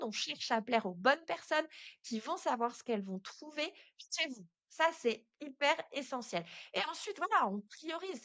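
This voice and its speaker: A woman's voice: a little high, fairly bright tone, dry recording. A woman hosting a podcast, giving direct, chatty advice straight to the listener. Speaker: podcast host. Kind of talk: casual solo podcast advice.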